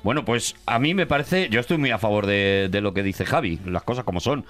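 A man's voice: lowish voice, expressive, a little fast, a bit bright. A man hosting a comedic radio show, teasing the others with ironic, mock-grand remarks. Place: radio studio.

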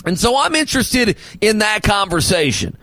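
A male sports radio host arguing basketball opinions and rattling off stats, with emphatic loud bursts. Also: high voice, very animated, moderate pace, dry recording, poor audio.

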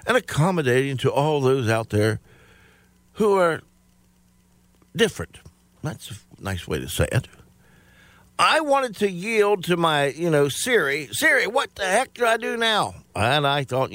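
Give me a man with a swooping, lively voice rambling through a comic story, halting and self-satisfied. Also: on the high side, no echo. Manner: rambling, hesitant, self-congratulatory.

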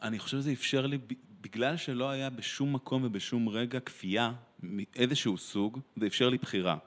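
A man's voice: mid-range voice, steady tone. A man from Israel, a translator and theatre director, talking thoughtfully in an interview, often restarting his sentences. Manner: thoughtful, with many restarts and pauses. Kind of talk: reflective interview conversation.

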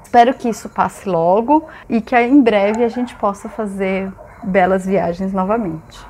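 A woman's voice: mid-range voice, measured pace, music in the background. A woman with a Brazilian accent giving practical advice in a conversational way.

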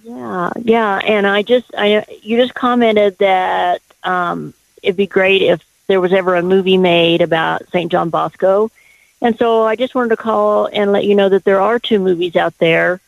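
A woman calling in to a radio show over a phone line, chatting casually with the host in a gravelly voice. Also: medium pitch, fairly even intonation, unhurried, no room sound. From Denver area. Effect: phone line call-in audio. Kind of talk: casual chat.

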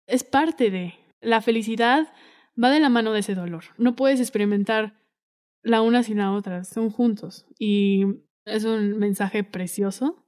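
A woman's voice: on the high side, a little slow, darkish tone. A woman co-hosting a podcast in casual film discussion, speaking earnestly and with feeling. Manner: earnest and emotive, quotes dialogue expressively. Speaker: podcast co-host.

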